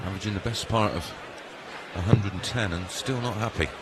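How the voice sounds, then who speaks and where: A man's voice: fairly low pitch, fairly quick. A man giving conversational analysis as co-commentator on a live darts match. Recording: very loud crowd and noise. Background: roaring darts arena crowd.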